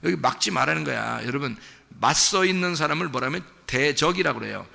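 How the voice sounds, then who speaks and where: A man's voice: fairly high pitch, animated, fairly quick, gravelly, pushed and bright, in a large hall. A male pastor preaching a sermon in a conversational way, quizzing the congregation as he goes. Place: church sanctuary.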